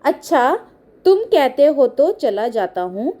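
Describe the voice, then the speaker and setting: A woman's voice: high-pitched, very animated, slow pace, dark tone, heavily acted. A woman voicing a crafty male turtle who fakes grief, read from a children's storybook play. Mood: mournful. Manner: mournful storybook reading.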